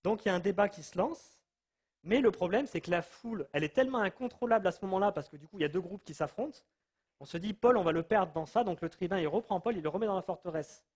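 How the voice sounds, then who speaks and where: A man giving an informal Bible teaching, telling the story in a lively way and acting out the people he quotes. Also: sits high, quick pace, breathy edge. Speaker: preacher.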